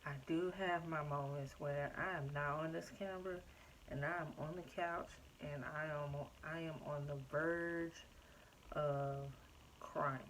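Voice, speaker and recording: A woman in her thirties giving a casual, chatty update to her viewers, filling pauses with "um" and "like" and calling them "y'all". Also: low-pitched, fairly even intonation, fairly bright tone, slight background noise, poor audio. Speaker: vlogger. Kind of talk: casual personal update to camera. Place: home.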